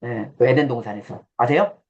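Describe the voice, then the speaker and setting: A man's voice: medium pitch, fairly quick, a little mellow, a little hiss or hum. A man giving a casual classroom lecture, blunt and teasing, who quizzes his listeners and acts out coarse quoted voices. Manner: blunt and teasing, questions the audience. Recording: dull lo-fi sound.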